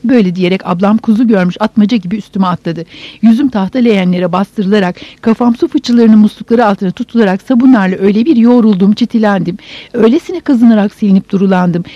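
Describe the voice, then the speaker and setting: A woman narrating a novel in first person, steady and measured, in a dull, dry audiobook recording. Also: mid-range voice, no room sound. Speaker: audiobook reader.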